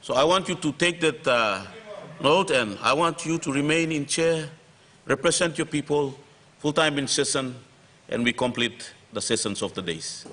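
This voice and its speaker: A man's voice: fairly high pitch, expressive, moderate pace, fairly bright tone. A man with a Papua New Guinean accent speaking formally and firmly as deputy speaker from the chair, admonishing members. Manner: firm, admonishing.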